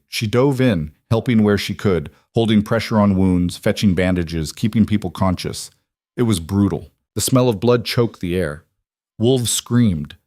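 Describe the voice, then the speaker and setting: A man giving scripted story narration in an even, dramatic storytelling manner. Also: on the low side, no echo, studio quality.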